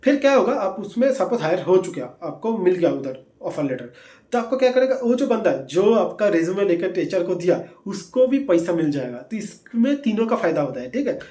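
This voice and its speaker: A young man with a high, mellow voice explains job-hunting steps in a casual lesson, talking briskly with big swings in pitch. He's chatty and repeats his points, full of fillers and frequent "theek hai" check-ins with listeners. This career advice presenter is recorded in an echoey room.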